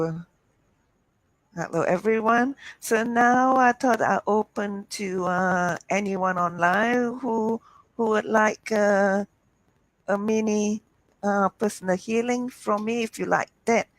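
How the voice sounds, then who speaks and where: A woman's voice: mid-range voice, slow pace, no room sound. A woman hosting an online healing show, chatting informally in a hesitant, meandering way. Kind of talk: informal chat to online audience.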